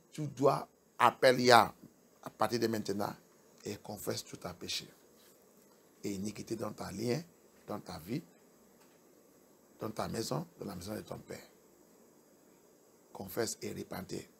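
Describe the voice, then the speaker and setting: Slow gravelly husky preaching man. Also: on the low side, a little hiss or hum. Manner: emphatic preaching, repeating key phrases, loudness swinging from soft to loud. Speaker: pastor. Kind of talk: sermon.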